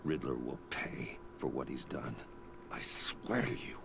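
An actor playing a brooding, grieving vigilante in a dramatic video game, his voice breathy and hushed in places. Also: extremely low pitch, fairly even intonation, a little slow, heavily acted. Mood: vengeful. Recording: game audio under streamer noise.

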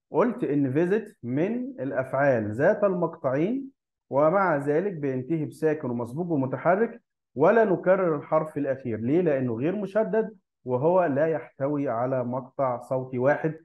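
A man with an Egyptian Arabic accent teaching an English grammar lesson, explaining step by step and slowing down to spell out example words. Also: mid-range voice, highs cut off.

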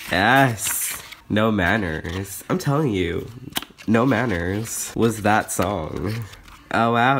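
A young man vlogging an unboxing in a casual chat, gushing and excitable, often squealing. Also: lowish voice, a little hiss or hum.

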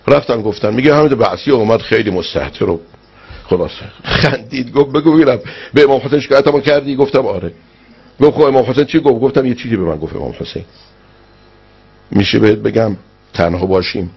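A man's voice: slightly rough, muffled recording. A man preaching and telling a religious story, acting out the people in it with big swings in his voice. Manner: animated storyteller, acts out quoted speech with big pitch swings.

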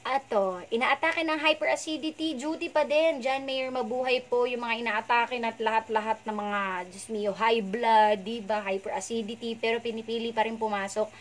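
A woman's voice: on the high side, fairly even intonation, moderate pace, few pauses, slight background noise. Chatty woman hosting a live stream. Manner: chatty and playful, reads out viewer names and greetings. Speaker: radio host doing a live stream. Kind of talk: casual live-stream chat greeting viewers. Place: at home.

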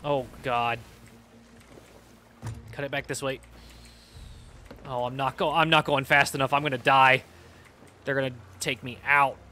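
A young man streaming a video game, excitably talking to himself as he plays. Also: medium pitch, a little slow, pauses often, a little hiss or hum. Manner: excitable, talks to himself while playing. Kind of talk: live gameplay commentary.

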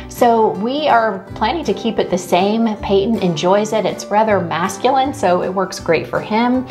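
A woman narrates a tour of her house in a relaxed, homey manner, pointing out each room. Her pitch sits in a middle range. Faint music plays softly under her voice. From Texas. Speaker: home vlogger. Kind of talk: home tour voice-over narration.

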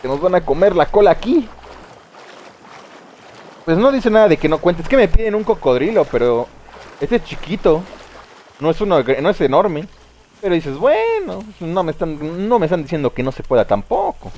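Excitable Mexican man, swearing gamer. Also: fairly high pitch, brisk, a little hiss or hum. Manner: casual, excitable, swears freely, talks to chat. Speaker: streamer. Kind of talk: live gameplay commentary.

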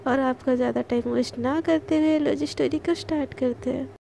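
A woman's voice: high-pitched, steady tone, brisk, vocal fry, mellow, a little hiss or hum. A woman storyteller narrating a love story in a chatty way, talking straight to her listeners. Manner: chatty, addresses listeners directly.

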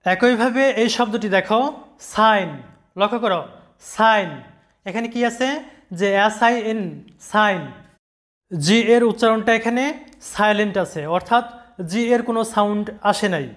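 A teacher giving a recorded pronunciation lesson, patiently repeating example words slowly and spelling out letters. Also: mid-range voice.

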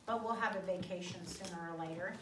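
A middle-aged woman, a guest storyteller, reads a picture book aloud to schoolchildren in a classroom, stretching out words with expression and pausing to ask them questions. Her voice is fairly low and steady, and she talks a little fast. The recording comes from a phone or camera across the room, so it sounds roomy and distant, with plenty of classroom noise.

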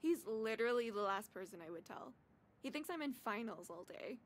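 A woman's voice: on the high side, animated, fairly quick. An actress playing a wry, teasing young college woman in a video game. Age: young adult. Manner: wry, sarcastic. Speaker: game character.

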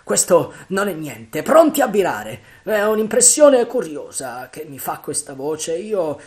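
Male reader as a gruff pirate boss, loud and high-pitched, commanding, lively. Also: exaggerated voice. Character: cunning one-legged pirate captain, gruff leader.

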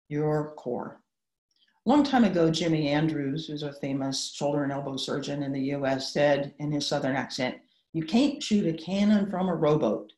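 A woman's voice: low-pitched, darkish tone. Woman lecturing in a roomy echo. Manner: measured, explanatory teaching. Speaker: sports medicine doctor. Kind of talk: webinar lecture on slides. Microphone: video call.

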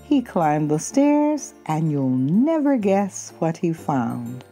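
With a deep, mellow, sing-song voice, a woman slowly reads a children's picture book aloud, expressively drawing out key words. Soft music plays in the background.

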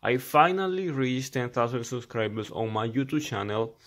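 A man's voice: medium pitch, normal speed, a bit bright. A man in his thirties from El Salvador with a Salvadoran Spanish accent, a mechanic talking earnestly to his channel's viewers in simple phrases with frequent restarts. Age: 30s. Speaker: mechanic YouTuber. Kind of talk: casual talk to camera. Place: indoors at a laptop.

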